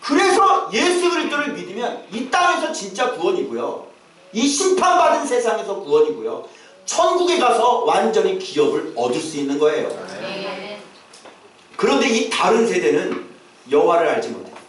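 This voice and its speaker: A pastor delivers a sermon to his congregation, now and then bursting into acted, shouted calls. His high, sing-song voice swings widely in pitch at a normal speed. Recorded from a distance in a heavily echoing church sanctuary, the audio carries a little hiss or hum.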